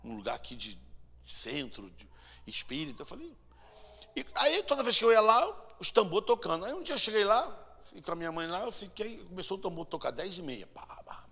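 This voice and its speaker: A man preaching a sermon in a church, telling stories, swinging between loud bursts and hushed asides. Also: high voice, very animated, fairly quick, creaky, slightly rough. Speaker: pastor. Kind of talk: sermon with storytelling. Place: church hall. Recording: church hall reverb, mic at distance.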